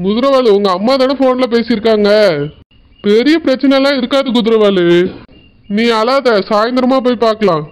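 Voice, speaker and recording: A woman's voice: a little high, moderate pace, clear, resonant tone, lightly acted. Woman doing a gullible young cartoon husband. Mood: soothing. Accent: Tirunelveli Tamil. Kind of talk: cartoon voice acting.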